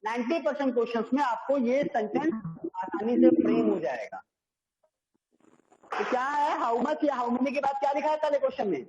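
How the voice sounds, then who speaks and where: A man's voice: extremely high pitch, animated, moderate pace, crowd noise. A man with an Indian accent teaching a maths class online, strict and repeating his phrases. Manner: strict, repeats phrases, mixes Hindi and English. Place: classroom or home at a board. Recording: echoey, dull lo-fi online class audio.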